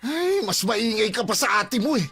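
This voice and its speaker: A man's voice: high voice, very animated, moderate pace, creaky, fairly bright tone, breathy edge, soft background music, full character voice. A man playing a mocking, scheming brother-in-law. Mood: dismissive. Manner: mocking, dismissive.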